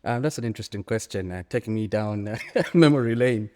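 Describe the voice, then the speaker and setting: A Zambian-accented man in his early forties, an economics academic, gives reflective, emphatic interview answers, telling stories and often repeating phrases. His voice is on the low side, darkish, and fairly quick, in an echoey hall with long reverb.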